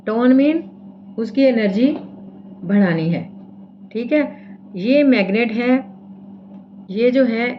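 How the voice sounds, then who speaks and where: A woman's voice: on the high side, highs cut off, slight background noise. A woman teaching acupressure and explaining each step while she demonstrates, checking in often with her viewers. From India. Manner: explains step by step, repeats "theek hai" often. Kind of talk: casual demonstration lesson.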